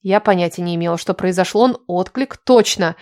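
A woman's voice: on the low side, a little fast, darkish tone, no echo. Dry-voiced woman narrating audiobook. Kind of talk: first-person audiobook narration.

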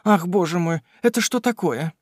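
A man voicing a timid, eager young housemaid in a high, breathless, fussy voice. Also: normal speed, dry recording, studio quality. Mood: flustered.

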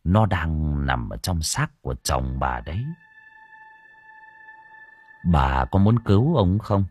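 Brief: a man playing a stern old monk, deep and husky, urgent and ominous. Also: expressive, slow, a little mellow, no echo, faint music behind, full character voice. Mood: grave. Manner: grave, urgent warnings. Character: grave old Buddhist monk exorcist.

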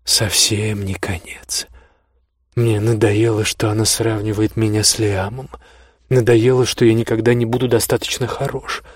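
A man's voice: fairly low pitch, little pitch movement, normal speed, a little mellow, no echo, studio quality. A man reading a first-person novel aloud as an audiobook, earnest and emotional. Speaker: audiobook reader. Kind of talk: scripted first-person narration.

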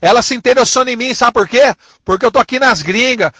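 This Brazilian man from São Paulo has a very high, bright, forceful voice with a slight roughness, captured without echo. Speaking São Paulo Portuguese, he delivers a furious tirade of insults, circling back to the same threats and stretching them out.

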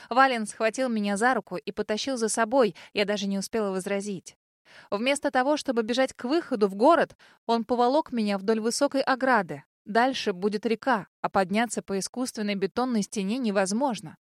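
A woman narrating a first-person fantasy audiobook in a lively, expressive manner. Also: mid-range voice, no room sound, clean studio sound.

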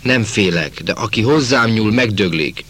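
A cornered young lieutenant snarls threats in a low, hard voice, read by a male narrator. The tone is deep and forceful with a tense edge. He sounds defiant and ready to fight. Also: expressive. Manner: threatening, shouting.

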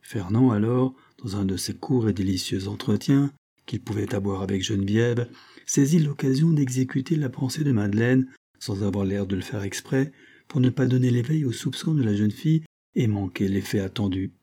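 A man narrating a novel as an audiobook in a measured, expressive way. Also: lowish voice, slightly rough. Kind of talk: novel reading.

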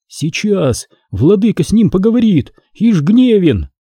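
Eager, curious boy prince, voiced by a male narrator; high, bright-eyed, husky. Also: very animated, measured pace, no room sound, full character voice.

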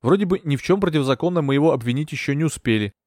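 A male narrator voicing a bold young woman bodyguard, brisk, stubborn and sharp-tongued. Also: fairly high pitch, animated, no room sound, studio quality, close to an everyday voice.

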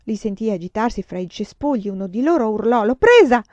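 A woman reading a novel aloud in measured, sombre storytelling, in a dull, slightly lo-fi recording. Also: mid-range voice, dark tone, no echo. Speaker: reader.

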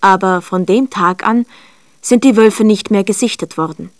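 A woman giving a scripted, expressive storybook narration in a measured way, recorded in a studio. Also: medium pitch, no echo.

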